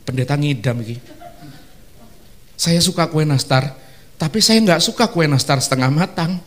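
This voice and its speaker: A male pastor delivering an animated sermon, his voice sitting a little high for a man. He draws the congregation into call-and-response and breaks up the preaching with playful asides, as if speaking in a church service. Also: moderate pace, a little hiss or hum.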